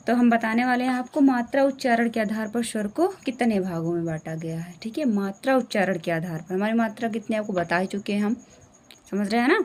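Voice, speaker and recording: A woman's voice: mid-range voice, a little mellow. A woman teaching a classroom lesson, explaining step by step, asking questions back and checking understanding again and again.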